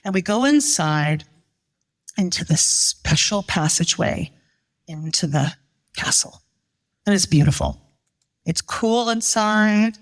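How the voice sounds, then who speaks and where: Lively woman telling a story live. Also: lowish voice, slow pace, long pauses. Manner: animated, voices the people she quotes. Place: live show at a winery.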